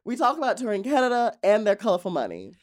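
A man's voice: high voice, huge pitch swings, fast talker. A man co-hosting a podcast, chatting casually with sassy, slangy comic banter. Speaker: podcast co-host. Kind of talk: casual comedic chat.

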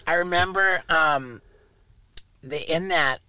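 A man's voice: on the high side, slow, bright, forceful tone, slight background noise, poor audio. A man hosting a podcast, chatting eagerly about shared memories. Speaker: podcast host. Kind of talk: casual chat.

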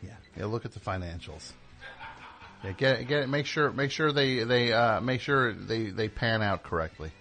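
A man hosting a live radio show, rambling in casual chat with sudden loud yelled bursts. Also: on the low side, expressive, moderate pace, soft background music.

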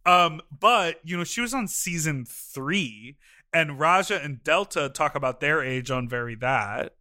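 A man in his mid-thirties chatting as a podcast co-host, campy and given to sudden exclamations. His voice sits a bit high and bright, and it swings widely in pitch. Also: lively intonation, a little slow. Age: 30s. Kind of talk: casual chat.

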